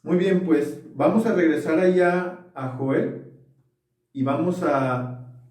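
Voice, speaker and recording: A man's voice: fairly high pitch, takes it slowly, darkish tone. A man preaching a sermon as pastor, earnestly checking his listeners follow along. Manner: earnest, often asks for agreement. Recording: echoey room, mic far off.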